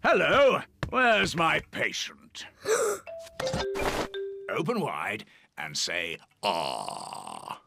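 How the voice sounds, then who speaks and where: A kindly cartoon bear doctor, speaking deep and slow. The rasp is gravelly and the delivery reassuring, and the pitch swings widely despite the calm. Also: male voice, very noisy, full character voice.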